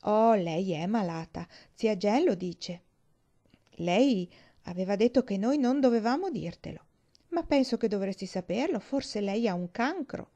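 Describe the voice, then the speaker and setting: A gossipy, know-it-all little girl, put on by a woman reading aloud, teasing and cheerful. Her words are drawn out and mellow in tone. The audiobook sound is dull and lo-fi. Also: mid-range voice, expressive, a little slow. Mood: smug. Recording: dull lo-fi recording.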